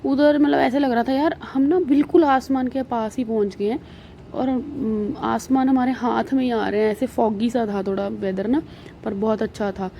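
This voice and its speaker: A woman with an Indian accent, a mother of young children, narrating her travel vlog in a relaxed, chatty way full of fillers. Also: on the high side, normal speed, creaky, dull audio, a little hiss or hum. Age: adult with young children. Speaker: vlogger.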